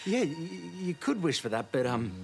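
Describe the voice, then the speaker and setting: An actor with an Australian accent playing a lovestruck, earnest genie father, confiding troubles in a hushed, halting way. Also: on the high side, sing-song, creaky. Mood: nervous, halting. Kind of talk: television comedy-drama acting. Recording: loud music behind the voice.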